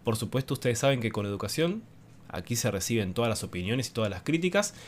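A man hosting a show, explaining in an animated, teacherly way and posing rhetorical questions to viewers. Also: medium pitch, quick pace, a little hiss or hum. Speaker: host. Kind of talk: explanatory monologue to camera.

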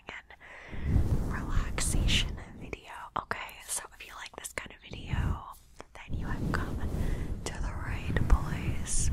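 Whispering woman doing soothing ASMR. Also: rough recording. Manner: hushed, slow, gently reassuring with repeated soothing phrases. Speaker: ASMR host. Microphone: fluffy-covered mic close up, sounds from ear to ear. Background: soft mic scratching and brushing.

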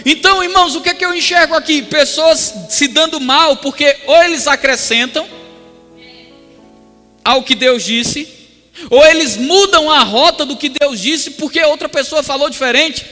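A Brazilian male pastor preaches with fervor in a very high, piercing, sharp voice. His lines build through repeated phrases, and his voice rings out in a hall with a long reverb while music plays behind him. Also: moderate pace. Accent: Brazilian Portuguese. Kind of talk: sermon.

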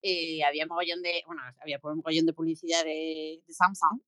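A woman's voice: sits low, expressive, normal speed, fairly bright tone, clear, resonant tone, no room sound. A woman from Spain telling anecdotes in a casual online group chat, laughing often and acting out the dialogue. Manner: laughing storyteller, acts out dialogue. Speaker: guest. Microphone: online audio room.

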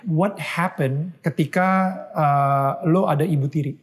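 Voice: mid-range voice, a little slow. Casual interviewer speaking slangy Jakarta style. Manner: casual slang, mixes English, attentive backchannels.

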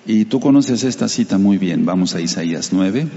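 A man's voice: fairly low pitch, lively intonation, moderate pace, mellow, in a large hall, dull audio. A man preaching a sermon, reading scripture aloud and explaining it to the congregation, using Hebrew terms for sacred names. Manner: reads scripture then explains it, addressing the congregation.

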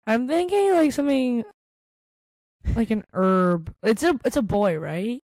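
A woman's voice: on the high side, expressive, a little slow, darkish tone, dry recording. A woman co-hosting a chat podcast who gushes, exclaims a lot and talks with many "like" fillers. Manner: gushy, exclaims often, lots of "like" fillers. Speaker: podcast co-host. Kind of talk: casual chat.

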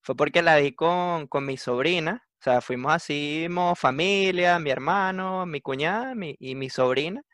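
A Venezuelan man recounts things expressively in casual conversation. His voice is slightly higher than most, and the recording is dry. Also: measured pace, few pauses, dry recording. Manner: expressive, emotional retelling. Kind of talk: casual chat.

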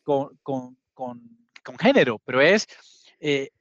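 A man's voice: mid-range voice, expressive, takes it slowly, dry recording. A man, a guest telling his story earnestly and often restarting his sentences. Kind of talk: conversational storytelling. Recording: dull, dry sound.

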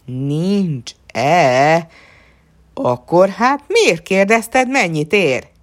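A woman's voice: lowish voice, animated, natural voice. A woman doing a greedy wheedling lord. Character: greedy, proud male lord, fawning then furious.

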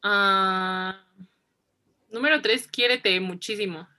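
A woman's voice: medium pitch, slow, pushed and bright. A woman, reflecting in a casual interview, who repeats herself and laughs often. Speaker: interview guest.

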